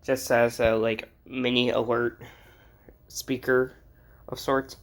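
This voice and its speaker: The recording has a faint hiss or hum as an American hobbyist with a medium-pitched voice rambles through an unscripted bedroom vlog about his radios. He talks slowly and flatly, slipping into jokes and tangents along the way.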